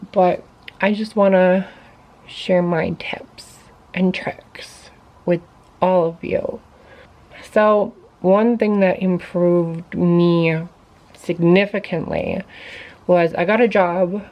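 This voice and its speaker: A woman's voice: lowish voice, highs cut off. A woman vlogger talking casually to camera, sharing tips in an informal, chatty way with many fillers.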